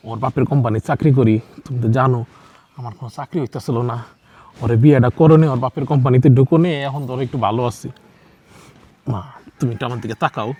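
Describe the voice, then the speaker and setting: A man's voice: medium pitch, mellow, natural voice. An actor playing a meek young son torn between mother and wife, stammering and coaxing, in a TV drama. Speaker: son and husband. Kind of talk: TV drama acting.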